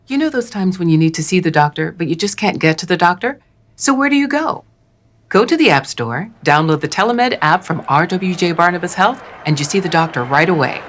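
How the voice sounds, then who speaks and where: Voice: medium pitch, lively intonation, a little fast, fairly bright tone. A voice-over with an American accent reading a scripted radio advert.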